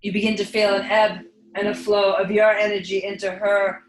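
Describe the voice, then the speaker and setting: A woman leading a guided spiritual meditation in a slow, hushed delivery with long pauses. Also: medium pitch, little pitch movement. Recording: echoey reverb over soft music.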